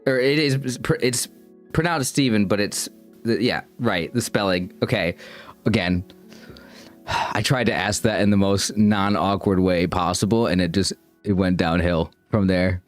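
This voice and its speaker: With faint music in the background, a young streamer speaks at a measured pace in a voice on the low side. He chats casually and rambles, self-conscious, often stumbling and restarting.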